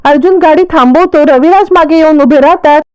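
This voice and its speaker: A woman narrating a casual, lively recap of a television serial's plot. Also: high voice, a little fast.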